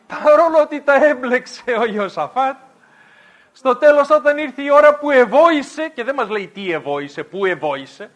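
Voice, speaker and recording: A male preacher giving an animated Bible study. He reads old-style scripture passages aloud and then retells them in everyday words. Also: extremely high pitch, dull audio. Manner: animated storytelling, alternates scripture reading with explanation.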